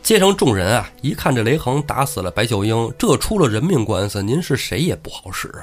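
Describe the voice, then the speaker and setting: A man's voice: mid-range voice, brisk. A man hosting a podcast, retelling a classic tale casually and acting out its characters. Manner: lively, acts out characters. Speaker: podcast host and storyteller. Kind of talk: casual storytelling.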